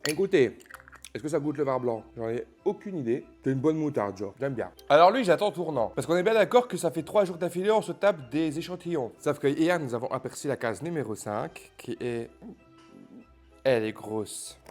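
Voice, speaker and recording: A man's voice: fairly high pitch, expressive, normal speed, darkish tone, faint music behind. Playful man chatting to viewers. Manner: joking, playful, teasing viewers. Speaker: youtuber opening advent calendars. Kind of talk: casual vlog chat to viewers.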